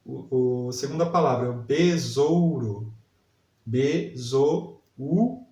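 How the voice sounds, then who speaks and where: A man teaching a literacy lesson, sounding out syllables slowly and repeating each word. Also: on the high side, far from the mic. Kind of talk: slow spelling lesson for adult learners. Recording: echoey room, voice set back from mic.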